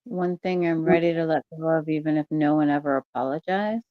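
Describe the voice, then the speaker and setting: A woman guest on a podcast, talking casually in a reserved, measured way. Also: low-pitched, fairly even intonation, no echo. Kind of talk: casual conversation. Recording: dry, slightly dull lo-fi sound.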